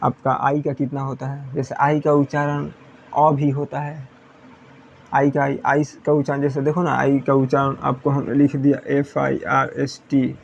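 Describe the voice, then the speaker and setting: Gravelly-voiced man teaching pronunciation. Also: medium pitch, monotone, normal speed, lo-fi sound, a little hiss or hum. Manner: repetitive, asks students questions then answers. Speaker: English teacher. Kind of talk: classroom-style explanation.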